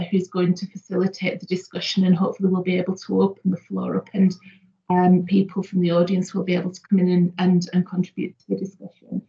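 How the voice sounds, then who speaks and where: A woman's voice: fairly low pitch, vocal fry, muffled recording. A woman chairing a webinar on a video call, steadily reading out a question from the chat. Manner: steady, frequent backchannel agreement. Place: home room on a video call.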